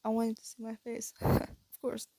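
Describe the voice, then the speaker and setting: A teenage girl rambling in a casual vlog with a breathy voice and a stuffy nose, talking through retainers and hesitating often as she thinks aloud into a close phone mic. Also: a little high, completely flat delivery, moderate pace, warm tone, dry recording. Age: teens. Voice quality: breathy, slight lisp from wearing retainers. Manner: hesitant, thinking aloud with many fillers and restarts. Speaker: vlogger. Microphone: phone held close.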